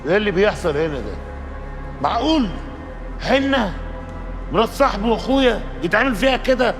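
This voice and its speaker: A man's voice: a little high, big pitch swings, quick pace, music in the background. A sly, theatrical middleman. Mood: mock-outraged. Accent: Egyptian Arabic. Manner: theatrical, mock indignant. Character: sly middleman, mock-outraged. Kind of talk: Egyptian TV drama acting.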